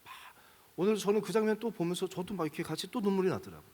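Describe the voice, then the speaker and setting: A man's voice: high-pitched, very fast, a little mellow. A man preaching a sermon, retelling a film scene and acting out its lines, then building to emphatic questions. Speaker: pastor. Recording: long reverb of a large hall.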